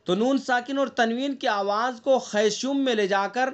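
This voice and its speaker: With a very high voice, this man patiently walks students through recitation rules in an online Quran class. He pauses often to check on them and demonstrates the nasal examples himself.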